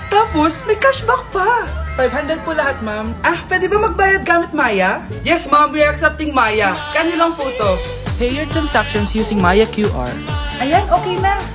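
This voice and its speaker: A woman's voice: high voice, big pitch swings, moderate pace. A woman acting out comic skits, switching between many characters in an exaggerated, playful way. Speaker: comedy skit creator playing all roles. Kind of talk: comedic skit acting. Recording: faint background music.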